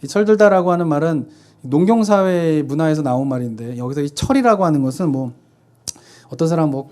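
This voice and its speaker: Chatty pastor asking and answering himself. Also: male voice, fairly high pitch, expressive, brisk, a little mellow. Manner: conversational, asks rhetorical questions and answers himself. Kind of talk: sermon. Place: church sanctuary.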